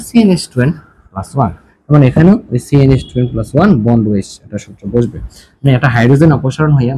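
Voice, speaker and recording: A male teacher explains chemistry in a warm, relaxed voice. He keeps asking his students whether they follow along and slips English words into his teaching. A faint hum of room noise sits behind him. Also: mid-range voice, poor audio. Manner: asks students frequent check questions; mixes English terms into speech. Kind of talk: classroom lecture.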